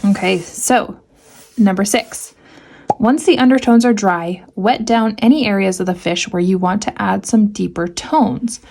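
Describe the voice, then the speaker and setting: Woman, mid-pitched voice, casual painting tutorial, sarcastic playful asides, home studio. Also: a little slow, gravelly, darkish tone. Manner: sarcastic, playful asides between read-out steps. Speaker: art tutorial host.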